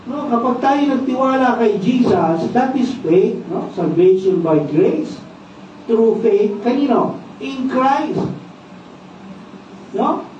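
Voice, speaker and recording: A man's voice: extremely high pitch, animated, takes it slowly, a little mellow, slight background noise. A man with a Filipino accent preaching a sermon as pastor, asking his congregation questions and tagging his lines with "no?". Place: church worship service. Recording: echoey, distant and dull church sound.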